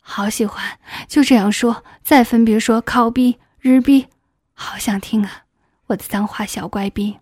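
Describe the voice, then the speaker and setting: Woman doing a pushy middle-aged official guy, coaxing, breathy, kinda high, dry close sound. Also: steady tone, moderate pace, hardly any pauses, darkish tone, no room sound, lightly acted. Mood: lewd coaxing. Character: lustful male official, middle-aged, domineering.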